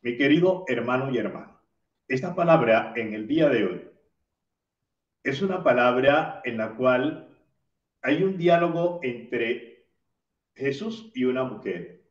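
A man, a priest, reading the day's gospel and preaching a homily in a slow, measured way. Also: mid-range voice, animated. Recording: roomy, distant, dull lo-fi sound.

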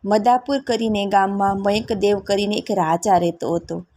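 Woman reading a folk story aloud, steady even telling. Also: medium pitch, normal speed. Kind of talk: storybook narration.

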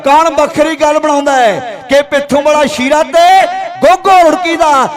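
A man's voice: extremely high pitch, moderate pace. A man with a Punjabi accent giving frantic rural kabaddi commentary, chanting and repeating rhymed couplets. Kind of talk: frantic rural sports commentary with rhyming verse. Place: outdoor village kabaddi tournament over a crowd. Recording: loud crowd, outdoor sports ground.

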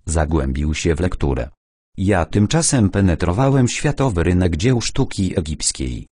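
A man reading a first-person novel as an audiobook, with steady, even storytelling. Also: low voice, normal speed, husky, no room sound, studio quality. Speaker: audiobook narrator.

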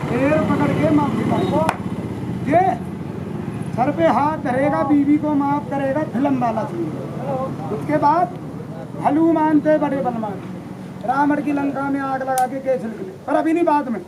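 A man from India working as a street monkey showman, bantering loudly with a crowd and teasing and scolding as he jokes. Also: very high voice. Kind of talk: street performance patter to a crowd. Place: outdoor street show. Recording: noisy outdoor street recording with traffic. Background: crowd ambience and passing vehicles.

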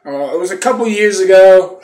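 This young adult talks animatedly and fairly quickly, his high voice a little mellow, while reviewing a product for viewers from a small room at home. He swears a lot in a relaxed way. Shot close up on a phone camera, the recording is rough with a roomy sound.

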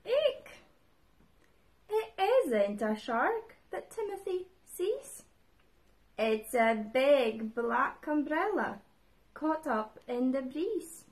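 A woman reading a picture book aloud to young children, lively and expressive, calling out the shouted lines. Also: sits high, takes it slowly.

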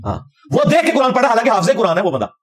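A man's voice: very high-pitched, huge pitch swings, very fast. A middle-aged man giving an argumentative religious lecture, rebutting critics point by point with emphasis.

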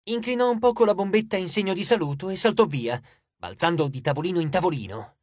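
A man narrating an audiobook in an expressive, lively storytelling manner. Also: high-pitched, fast talker, no room sound, clean studio sound.

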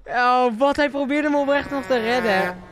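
An excitable streamer, giving live gameplay commentary, laughing often and dropping English slang. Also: high-pitched, normal speed, a crowd in the background.

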